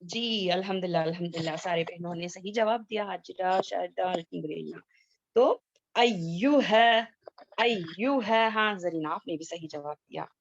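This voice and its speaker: A woman teaching Quran recitation in an online class, asking students questions and slowly drilling sounds. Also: lowish voice, vocal fry, slight background noise. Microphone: video call. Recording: dull lo-fi video call audio.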